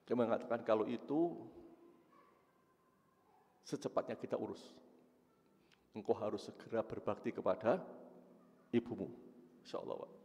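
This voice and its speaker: A man's voice: on the low side, moderate pace, pauses often, a little mellow, highs cut off. Man preaching in an echoing mosque. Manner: emotional storytelling, addresses listeners as "Pak". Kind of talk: mosque sermon storytelling. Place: mosque hall. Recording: reverberant mosque hall.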